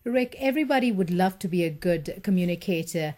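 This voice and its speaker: A woman's voice: lowish voice, animated, brisk, mellow. A woman hosting a radio interview who asks short, direct questions. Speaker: radio host.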